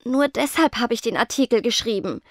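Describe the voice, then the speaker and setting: A woman voicing a shy, nervous teenage ghost girl who speaks softly and stammers. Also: a little high, expressive, brisk, no room sound, studio quality, voice pushed up. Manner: soft, stammering, timid.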